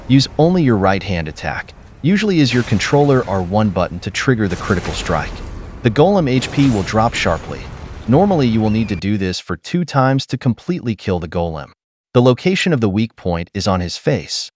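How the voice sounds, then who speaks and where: A man giving scripted game walkthrough narration, explaining steps in a steady, instructional way. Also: on the low side.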